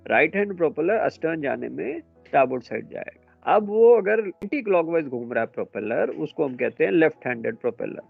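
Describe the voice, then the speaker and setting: A man lecturing students in a classroom, brisk and a little scolding as he quizzes them. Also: fairly high pitch, very animated, vocal fry, breathy edge, no room sound, narrow, tinny audio, soft background music. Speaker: instructor.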